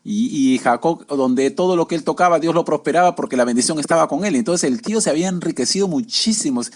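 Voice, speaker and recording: A man's voice: a little high, quick pace. A man preaching a conversational sermon, often tagging his lines with questions to the listeners.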